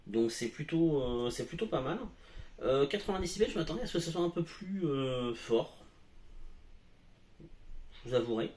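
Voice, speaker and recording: A man's voice: medium pitch, lively intonation, moderate pace, pauses often, a little mellow, reverberant. A man giving a casual product demo at home as a tech reviewer, talking with many hesitations and fillers.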